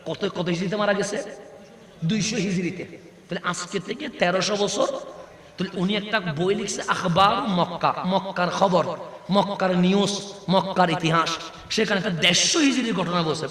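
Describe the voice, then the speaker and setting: A man preaching a sermon, asking his audience questions and answering them himself, building up to loud shouted peaks. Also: high-pitched, moderate pace. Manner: call-and-response questions to the crowd, rising to shouts. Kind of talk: sermon at a religious gathering. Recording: echoey hall with long reverb.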